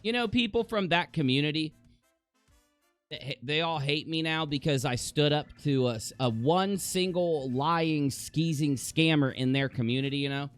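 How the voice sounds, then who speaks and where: A man's voice: fairly high pitch, moderate pace, faint music behind. A man hosting a gaming livestream, ranting and chatting casually to his viewers, swearing now and then. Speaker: streamer host.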